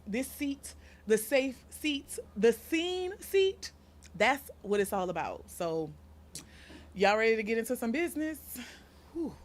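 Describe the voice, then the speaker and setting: A woman in her thirties hosting a podcast, speaking an earnest, deliberate, heartfelt monologue. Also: a little high. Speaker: podcast host.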